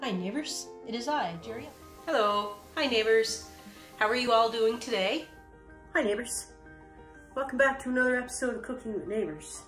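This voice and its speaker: A woman's voice: fairly high pitch, moderate pace, long pauses. A woman hosting her own cooking channel, giving a cheery sing-song greeting in her kitchen. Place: home kitchen, indoors. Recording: roomy clips with loud music.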